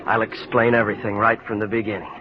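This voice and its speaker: A man's voice: on the low side, little pitch movement, fast talker, close to an everyday voice. An actor playing a wounded, earnest clansman recounting family history in 1940s radio style. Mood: earnest, solemn. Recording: muffled, noisy old radio recording.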